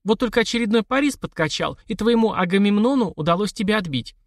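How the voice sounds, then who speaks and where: A man's voice: sits high, animated, fast talker, no echo, studio quality, pitched above the performer's own voice. A man voicing a playful, mocking widowed society lady in an audiobook. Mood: teasing. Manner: teasing, flippant.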